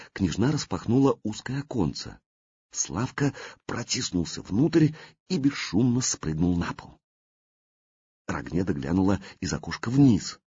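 A man narrating an audiobook in an expressive storytelling manner. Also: sits low, slightly rough, no room sound, lo-fi sound. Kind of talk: scripted narration.

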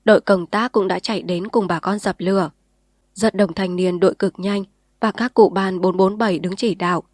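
A woman narrating a novel in a steady, measured reading voice. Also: medium pitch, no echo, clean studio sound. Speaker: storyteller.

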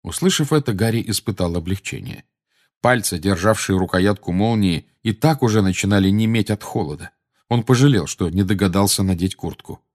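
Man reading an audiobook, calm measured storytelling, lowish voice. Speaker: audiobook reader. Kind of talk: scripted narration.

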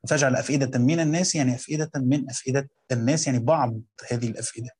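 A man with an Egyptian Arabic accent teaching a Quran commentary lesson, reading quotes slowly and then explaining them in colloquial talk while questioning his students. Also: medium pitch, steady tone, a little mellow, breathy edge.

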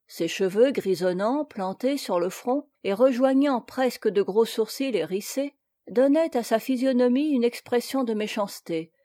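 A woman's voice: medium pitch, mellow, no echo, studio quality. Woman narrating a classic tale. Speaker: audiobook narrator. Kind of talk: scripted narration.

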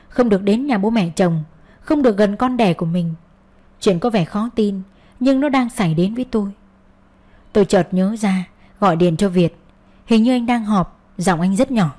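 A woman's voice: medium pitch, dark tone. A woman narrating a first-person audio story in a wounded, bitter tone.

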